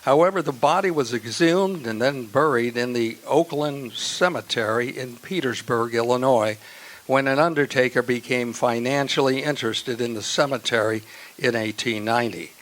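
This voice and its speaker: A male radio announcer reads from a script in a mid-range, fairly bright voice, his delivery formal and measured in a way suited to credits and historical narration. The audio quality is poor.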